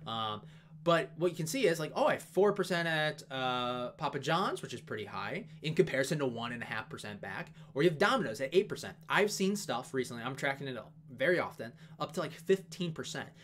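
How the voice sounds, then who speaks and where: A man talking fast and casually as he walks through an investment analysis, with plenty of fillers and asides. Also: medium pitch, very animated, fairly bright tone, a little hiss or hum. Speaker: investing video host. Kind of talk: casual stock analysis talk.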